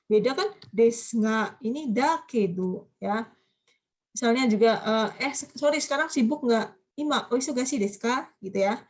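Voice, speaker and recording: Lady teacher, bit high voice, keeps quizzing the class, chatty and upbeat. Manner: lively, coaxing students with questions, quick asides. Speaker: Japanese language teacher. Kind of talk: online class lecture.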